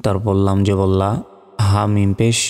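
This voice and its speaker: A man's voice: fairly low pitch, little pitch movement, normal speed, darkish tone, big-room sound, faint music behind. A man teaching Quran reading, spelling out each letter and vowel mark syllable by syllable. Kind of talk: step-by-step spelling lesson.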